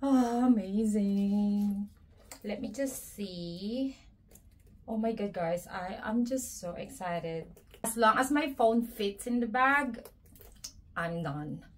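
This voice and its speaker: A young adult woman vlogging an unboxing of gifts, gushing and excitable, repeating her delight over each item. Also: medium pitch, slow. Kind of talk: casual unboxing vlog.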